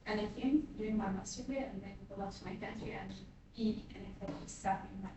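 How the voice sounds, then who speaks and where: Fast-talking woman from Iraq. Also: medium pitch. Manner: rapid, run-on self-introduction. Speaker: graduate student introducing herself. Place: classroom. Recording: echoey classroom, far from the mic, with noise.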